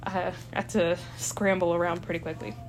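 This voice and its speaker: Against some background noise, a young Salvadoran university student whose first language is Spanish chats casually as a guest. Her voice is lowish and flat at a moderate pace, and she's talkative yet hesitant, with many fillers and easy laughs.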